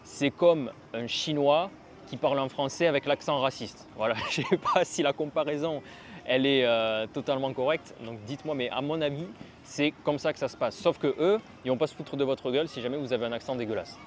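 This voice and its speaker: Outdoors on a city street with traffic noise behind, a man talks casually and bluntly to camera in a vlog teaching Mandarin learners, with some swearing. His voice is mid-range and fairly quick.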